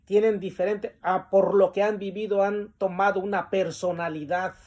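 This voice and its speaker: A man teaching a Bible lesson, reading definitions from the text and explaining them with pauses and the filler "este". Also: high voice, level tone, a little mellow.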